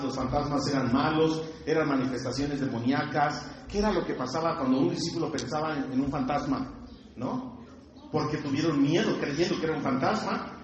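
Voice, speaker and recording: A man's voice: on the high side, a little hiss or hum. A man preaching a sermon, firing rhetorical questions at the congregation and acting out screams. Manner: animated, acts out screams. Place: church hall. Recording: very echoey, distant, dull hall recording.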